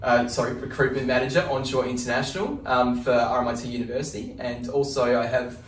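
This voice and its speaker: Man from Adelaide, recruitment manager, flat, even delivery, off-mic and roomy. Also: medium pitch, fast. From Adelaide, Australia. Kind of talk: panel talk. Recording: echoey, distant.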